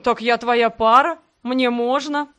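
A woman voicing a smug, cruel male villain mage with a creaky, mocking voice. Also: a little high, normal speed, a bit bright, lo-fi sound, lightly acted. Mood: gloating. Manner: mocking, gloating.

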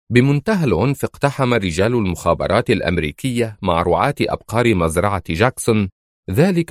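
Male audiobook narrator, low and dry, measured novel reading. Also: dry recording.

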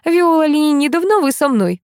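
A stern old grandmother who rules the house with curt orders, as a woman narrator puts her on. Her voice sits a little above the reader's own and moves with lively rises and falls. It is recorded dry and close. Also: on the high side, moderate pace, no echo, voice pushed up. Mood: commanding. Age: older.

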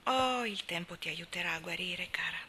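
A woman voicing a reserved, stern older woman who consoles quietly with stock phrases. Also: lowish voice, moderate pace, a little hiss or hum. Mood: subdued.

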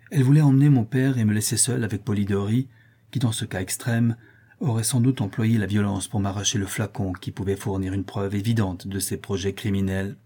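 Husky-voiced man reading a classic novel. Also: on the low side, dark tone. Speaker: audiobook reader. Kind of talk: literary audiobook narration.

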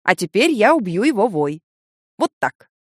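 A woman's voice: mid-range voice, sing-song, moderate pace, no room sound, studio quality, voice pushed up. A woman voicing a cruel male master of death who threatens and coaxes with false kindness. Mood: menacing. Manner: menacing, coaxing with false kindness. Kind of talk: audiobook character voicing.

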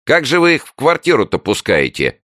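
A man voicing a shrill, frightened old woman neighbor who scolds loudly from behind her door in an audiobook. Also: huge pitch swings, brisk, dry recording, clean studio sound. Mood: fussing. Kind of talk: audiobook character voice.

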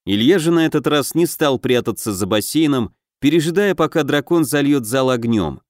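A man's voice: mid-range voice, expressive, normal speed, a little mellow, no echo, clean studio sound. Man narrating an audiobook. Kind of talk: scripted narration of a fantasy game novel.

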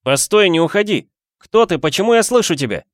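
A man's voice: medium pitch, sing-song, moderate pace, dry recording, studio quality, voice pushed up, natural voice. A man voicing a curious young male ghost who presses questions eagerly in a storybook reading. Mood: insistent. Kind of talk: audiobook character voice.

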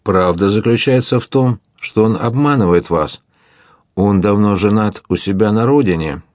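Man doing a calm buccaneer, low steady voice, stern, dry close sound. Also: moderate pace, no room sound, close to an everyday voice. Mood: calm firm. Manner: calm, unshakable. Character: stern bold young male buccaneer.

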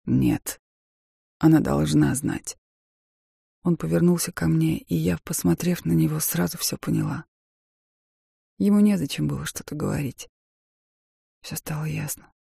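A woman reading a first-person audiobook in a measured, dramatic way. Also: low-pitched, fairly even intonation, vocal fry, dark tone, husky, no room sound, studio quality. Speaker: audiobook narrator.

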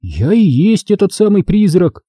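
A man voicing a cold, secretive ghost boy in an audiobook, with a husky, eerie manner. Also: big pitch swings, measured pace, mellow, dry recording, studio quality, full character voice. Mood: menacing. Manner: low cold menace, eerie. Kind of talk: audiobook character reading.

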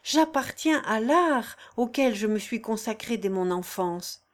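A woman's voice: a little high, expressive, unhurried. A woman reading the part of a proud young singer who speaks earnestly and with passion in a storybook.

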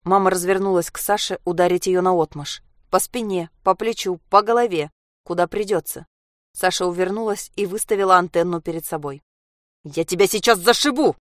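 A woman reading a story aloud in a steady narrating manner. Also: on the low side, a little fast, no room sound, clean studio sound. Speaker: reader.

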